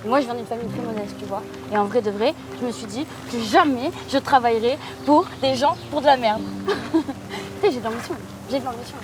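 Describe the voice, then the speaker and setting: A woman's voice: fairly high pitch, brisk, close to an everyday voice. An actress in her twenties playing a brash, ambitious recruiter in a web drama, boastful and insistent in casual slang. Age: 20s. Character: brash, ambitious, self-assured young female recruiter. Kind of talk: naturalistic screen drama dialogue. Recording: clearly noisy location recording.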